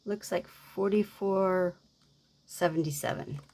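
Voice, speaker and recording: A woman with a low, gravelly voice talks quietly through a casual savings-game vlog. She sounds worn out and short on energy, moving slowly and coughing now and then. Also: rough recording. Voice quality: coughing at times. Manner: quiet, subdued, unhurried talk. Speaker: budgeting game creator.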